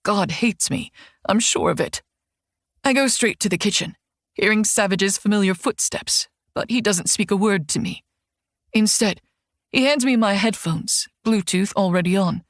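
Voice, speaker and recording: A woman's voice: mid-range voice, moderate pace, no echo, studio quality. A woman narrating a first-person audiobook in a wry, sardonic tone. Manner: wry, sardonic inner monologue.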